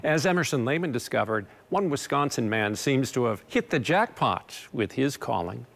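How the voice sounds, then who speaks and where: A man's voice: mid-range voice, very animated, moderate pace, vocal fry, a bit bright. A middle-aged man presenting a scripted introduction as a studio host.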